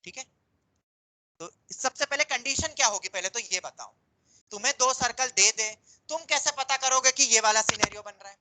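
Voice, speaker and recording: Bright-voiced maths teacher. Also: male voice, very high-pitched, moderate pace, poor audio. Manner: explains patiently, calls students beta, mixes English terms into Hindi. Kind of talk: classroom lecture. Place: classroom with students, also teaching online.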